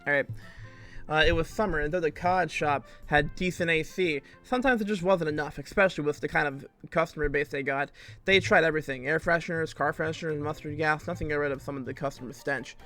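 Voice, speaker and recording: A man's voice: a little high, brisk, sharp tone, faint music behind. A man streaming himself as he reads fan fiction aloud, breaking off for joking asides and laughing often.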